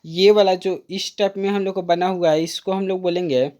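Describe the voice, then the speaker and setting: A woman tutor talks students through a diagram in a mellow, warm voice, patient and repetitive. She addresses listeners as friends and slows right down to read out textbook definitions. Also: lowish voice, fairly even intonation. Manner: patient, repetitive, addresses viewers as friend, mixes in English terms; reads English definitions aloud slowly. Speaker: diploma course tutor. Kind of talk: exam-prep lecture, explaining a diagram.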